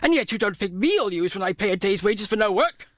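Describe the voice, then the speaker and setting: A man's voice: sits high, sing-song, fast, a bit bright, no room sound, clean studio sound. An actor playing a miserly, sour old businessman in a radio play, with a curt, theatrical delivery. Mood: irritable, scornful.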